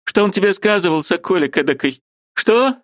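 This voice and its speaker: A man voicing a sharp-tongued, agitated old woman who scolds her niece sarcastically. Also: high-pitched, expressive, moderate pace, dry recording, clean studio sound, pitched above the performer's own voice. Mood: scolding. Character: sharp-tongued old aunt, gruff yet loving woman.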